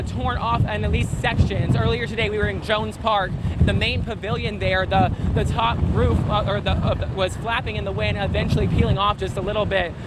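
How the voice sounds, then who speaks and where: A male field reporter with a high-pitched voice delivers live breaking weather coverage. He projects in a raised voice over the wind. The recording is outdoors by a road, with very loud wind noise battering the microphone. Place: outdoors on a roadside in hurricane wind. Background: wind gusts and roaring.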